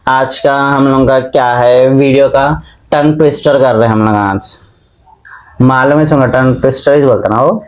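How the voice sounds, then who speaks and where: A man's voice: mid-range voice, fairly even intonation, normal speed, poor audio. Playful man hosting a vlog challenge. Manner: playful, mixes English into Hindi speech. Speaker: vlog host. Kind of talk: casual chat.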